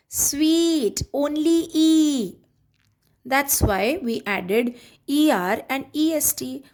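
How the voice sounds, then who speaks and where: Slow, high-voiced Indian woman teaching grammar. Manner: slow, deliberate explaining, switching between English and Hindi. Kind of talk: online grammar lesson.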